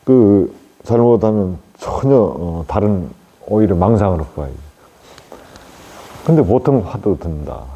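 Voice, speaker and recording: Deep, dark-voiced male monk teaching. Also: expressive, a little hiss or hum, low-quality recording. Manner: unhurried, plain explaining, frequent fillers and tag questions. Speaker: Buddhist monk teaching meditation. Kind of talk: dharma talk to lay practitioners.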